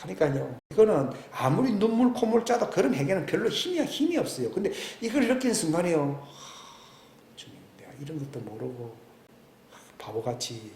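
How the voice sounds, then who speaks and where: Male pastor, 60s; sermon delivery with loud questions and hushed asides, echoey sanctuary. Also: medium pitch. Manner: swings between loud emphatic questions and hushed near-whispers. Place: church sanctuary. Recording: echoey church room with faint background hiss.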